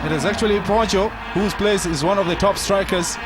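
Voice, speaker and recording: A man's voice: high voice, brisk, rough recording. A man co-commentating on a live football match, explaining the play with enthusiasm. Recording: loud crowd and music behind commentary. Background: loud crowd and music.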